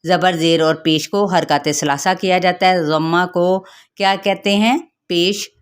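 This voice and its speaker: A woman with a slightly low voice teaches the rules of Quran recitation. She works through each letter and elongation patiently, one step at a time, like a teacher in a lesson. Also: fairly even intonation, smooth. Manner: slow, drawn-out melodic recitation of verses; patient, step-by-step instructional explaining. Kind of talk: tajweed lesson, recitation then explanation.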